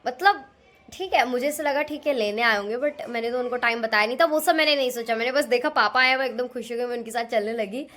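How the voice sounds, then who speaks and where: A woman's voice: on the high side, fast. Chatty young woman vlogging at home. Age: young adult. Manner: chatty, teasing, animated storytelling. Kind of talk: casual family vlog. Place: at home with family.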